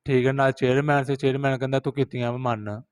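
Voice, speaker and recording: A man's voice: medium pitch, little pitch movement, quick pace, smooth. A man with a Pakistani Punjabi accent, a rickshaw driver interviewed in the street, recounting events and quoting others over and over.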